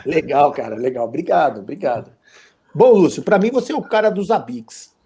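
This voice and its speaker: A man's voice: a little high, expressive, a little fast, warm tone, slightly rough. A man with a Brazilian Portuguese accent hosting a live online interview, chatty and jokey. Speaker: interview host.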